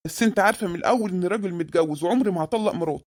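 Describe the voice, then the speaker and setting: A woman with a low, rapid-fire voice, close to her everyday one, voices a scheming middle-aged married man in a comic cartoon. He speaks with an Egyptian Arabic accent and a sweet-talking, evasive manner, in a clean studio recording with no echo.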